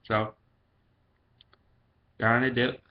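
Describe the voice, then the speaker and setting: A man's voice: mid-range voice, flat delivery, extremely slow. A man giving a casual vlog review, talking with a lip packed full of dip. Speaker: product reviewer. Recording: dull, lo-fi sound.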